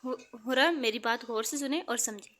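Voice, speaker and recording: A woman voicing a gentle, patient young husband who speaks softly but firmly, in an audiobook novel reading. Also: normal speed, lightly acted. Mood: tender, firm. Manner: soft, low-key and calm yet firm.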